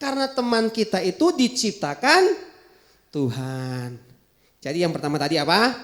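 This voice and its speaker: A man with a Javanese accent teaching a children's Bible lesson in an animated way, asking questions as he goes. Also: high-pitched, moderate pace. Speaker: Sunday school teacher.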